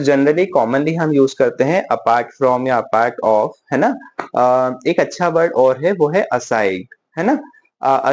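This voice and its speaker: Man, Indian accent, casual Hindi lesson, spells out English examples slowly, fairly high pitch. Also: a little mellow. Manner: slows down to model English sentences, frequent "theek hai?" check-ins. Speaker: English vocabulary teacher.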